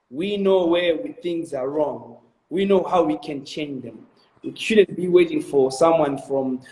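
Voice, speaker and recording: A man's voice: a little high, a little mellow, echoey room, poor audio. A young man in his twenties with a Malawian accent, answering interview questions in an earnest, motivational way, with many ums and restarts. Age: 20s. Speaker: interview guest, video director.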